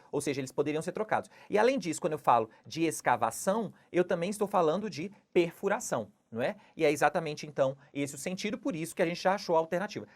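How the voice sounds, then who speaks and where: A woman teaching Portuguese grammar, walking through exam questions and checking in with "não é?" after nearly every point. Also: sits low. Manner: explanatory, repeats "não é?" and "tudo bem?" often. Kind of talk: exam question walkthrough lesson.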